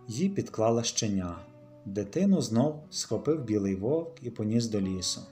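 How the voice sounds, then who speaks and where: A man narrating a folk tale for children in an expressive storytelling manner, slowing down at the dramatic moments. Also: lowish voice. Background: faint guitar music.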